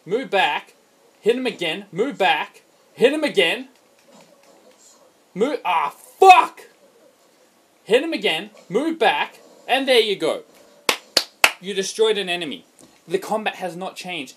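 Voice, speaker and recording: Ranting, husky-voiced Australian gamer guy. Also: high voice, a bit bright. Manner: ranting, profane, emphatic outbursts. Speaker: game reviewer. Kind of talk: casual game review over gameplay.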